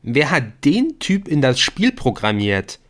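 A man reading an audiobook, voicing a grumbling teenage boy with a slow, weak voice. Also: mid-range voice, wildly swooping pitch, pitched above the performer's own voice. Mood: shaken.

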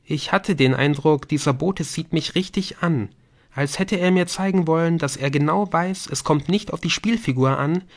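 A man reading a curious teenage girl in a raised, lively, wondering voice. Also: on the high side, moderate pace, pitched above the performer's own voice, lightly acted.

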